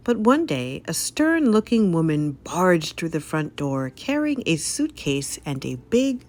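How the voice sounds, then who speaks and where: A woman with a low voice narrates a story for children at a measured pace. Wide swings in pitch signal each turn as she reads in an expressive, dramatic way.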